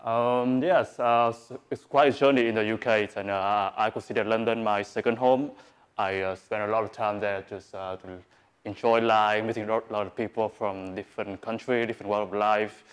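A man's voice: lowish voice, fairly even intonation, moderate pace, smooth. A young man, giving a live stage talk in English, hesitant with many fillers and restarts. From Vietnam. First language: Vietnamese. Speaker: presenter. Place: event hall with audience.

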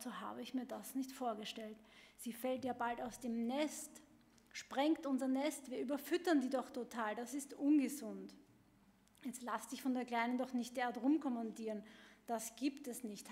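A woman's voice: fairly high pitch, fairly even intonation, normal speed, darkish tone, lightly acted. A woman voicing an overworked, fretful mother bird who scolds and frets, at a literary reading. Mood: exasperated. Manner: scolding, exasperated. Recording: long hall reverb.

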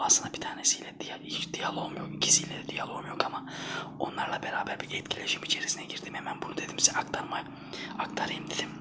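A man from Trabzon in Turkey whispering a casual, rambling ASMR anecdote in breathy, colloquial, foul-mouthed speech. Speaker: ASMR storyteller.

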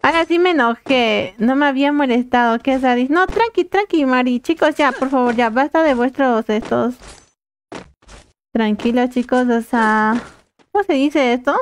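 A woman's voice: sits high, normal speed, slight background noise. A woman streaming a game, chatting casually with her viewers and reading their messages aloud with frequent laughs. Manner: chatty, reads chat aloud, laughs often. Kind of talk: casual live-stream chat.

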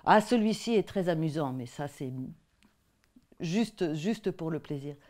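A woman's voice: low-pitched, animated, unhurried, darkish tone. A woman with a French accent giving an academic talk on textbook excerpts, conversational and hesitant, often repeating words. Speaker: lecturer.

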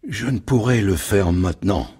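Brooding sea captain, read by a man: low, grumbling, husky. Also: lively intonation, moderate pace, darkish tone. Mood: grim.

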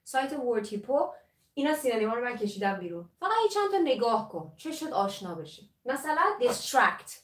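A woman English teacher gives a lively live lesson in a high voice, switching between two languages as she drills pronunciation. She sounds a little away from the mic, in a room with a noticeable echo. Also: distant mic.

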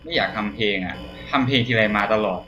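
A man doing casual, crude horror game commentary who yelps and shouts when startled. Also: fairly low pitch, quick pace, highs cut off. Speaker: gamer. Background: game music.

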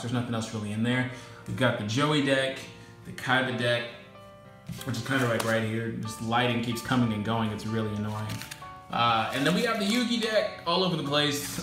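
A man's voice: medium pitch, fairly bright tone. A man doing a casual unboxing vlog, listing off names and adding apologetic asides, recorded with an echoey room sound. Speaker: YouTuber unboxing trading cards. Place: indoor home room with echo. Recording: echoey room with music behind.

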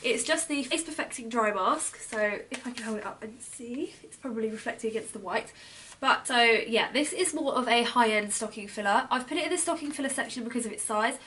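Chatty British woman, slightly high voice. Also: a little fast, pushed and bright, a little hiss or hum. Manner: chatty, enthusiastic product talk with many ums. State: losing her voice. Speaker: beauty blogger. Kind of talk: casual gift-guide vlog.

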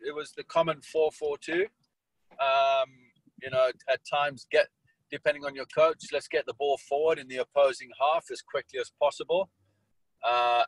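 A man's voice: on the high side, sharp tone, no echo, poor audio. A man from Malawi and South Africa, a soccer coach, answering interview questions in a rambling way with many restarts and fillers.

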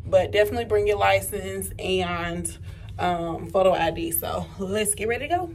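A woman's voice: medium pitch, normal speed. Chatty woman vlogging from a cruise ship. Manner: chatty and candid, talks straight to viewers. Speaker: travel vlogger. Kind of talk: casual vlog with voice-over. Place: on a cruise ship, cabin and open deck. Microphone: phone held at arm's length.

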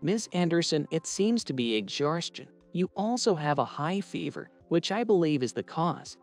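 Woman playing a gentle young male doctor. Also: deep voice, big pitch swings, normal speed, soft background music, pitched below the performer's own voice. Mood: reassuring. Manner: gentle, reassuring. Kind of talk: storybook narration.

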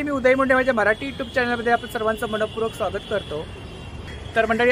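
A Marathi-accented man with a high voice hosts a walking vlog at an outdoor craft exhibition. He greets his viewers, asks short questions at every stall and repeats each price back. Faint outdoor noise sits behind him. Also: a bit bright, low-quality recording. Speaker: vlogger host. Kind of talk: walking market vlog, chatting with stall sellers.

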